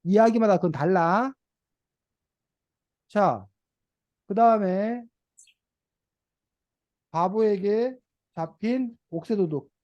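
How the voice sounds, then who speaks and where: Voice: medium pitch, slow pace, pauses often, darkish tone, muffled recording. A reading teacher leading an online video class for children, patiently asking them questions. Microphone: video call.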